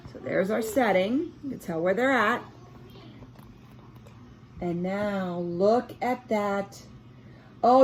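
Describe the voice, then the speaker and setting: A female teacher with a slightly high voice reads a storybook aloud to children, using expressive emphasis and stopping to explain things and ask questions.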